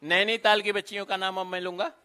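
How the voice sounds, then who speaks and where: A man's voice: high voice, clear, resonant tone, some chatter behind. A man announcing students' names one by one at an award ceremony, with brief instructions to the children between names. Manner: steady roll-call of names, brisk stage directions. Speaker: event announcer.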